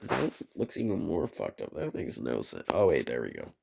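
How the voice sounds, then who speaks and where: Man, gravelly voice, wildly swinging pitch, rambling profane vlog monologue. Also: wildly swooping pitch, moderate pace, darkish tone, a little hiss or hum. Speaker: vlogger. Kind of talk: unscripted solo monologue.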